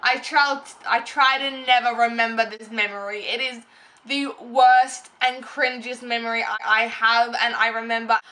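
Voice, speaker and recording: Brief: young woman, vlogger, rambly casual story time, high voice. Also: steady tone, moderate pace, bright, forceful tone. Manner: rambling, filler-heavy, self-interrupting.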